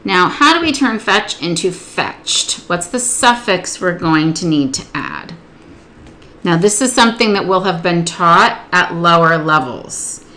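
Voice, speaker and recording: A woman literacy instructor explaining a spelling procedure step by step, patiently modeling words and sounds slowly. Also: fairly low pitch, animated, sharp tone.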